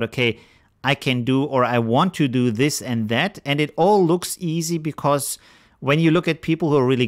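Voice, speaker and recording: Man giving frank casual advice. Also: medium pitch. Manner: frank, animated, frequent fillers and restarts. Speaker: video host. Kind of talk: casual advice talk to camera.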